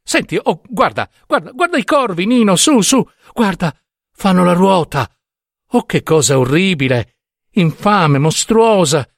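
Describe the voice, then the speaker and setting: An impulsive young wife, put on by a man reading a story, cries out in pity and horror. Her voice sits high and strained, pleading and shrill. The reading is close and dry. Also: big pitch swings, takes it slowly, no room sound, exaggerated voice. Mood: urgent.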